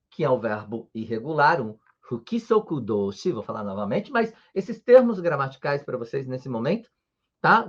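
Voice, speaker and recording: A man leads a live-streamed language lesson, his pitch swooping up and down as he explains. He checks in with his viewers again and again and chants rows of syllables in a sing-song rhythm. The stream audio sounds muffled and lo-fi. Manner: patient explaining, frequent "né?" and "tá?" check-ins. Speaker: Japanese teacher.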